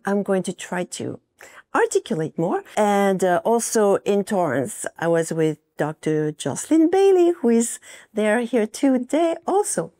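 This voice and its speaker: A woman's voice: medium pitch, very animated, unhurried, dark tone. Woman with a French accent, chatty. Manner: chatty, informal. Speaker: guest lecturer. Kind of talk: public lecture.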